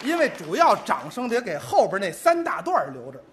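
A man performing crosstalk comedy, telling a story with animated delivery. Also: high voice, fairly quick, a crowd in the background, background noise. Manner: animated storytelling, imitates opera percussion.

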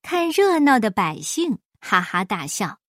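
A woman reads a children's folk tale aloud in an expressive, measured way. Her fairly high voice rises and falls widely at an unhurried pace. The recording is dry and close. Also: dry recording. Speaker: storyteller. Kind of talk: children's story reading.

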